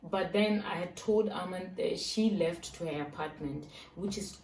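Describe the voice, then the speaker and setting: A woman's voice: on the low side, normal speed, a little mellow. Chatty woman vlogger, echoey room. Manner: chatty, repeats herself, interjects. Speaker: vlog co-host. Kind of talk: casual chat with viewers. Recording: echoey room, distant mic, faint noise.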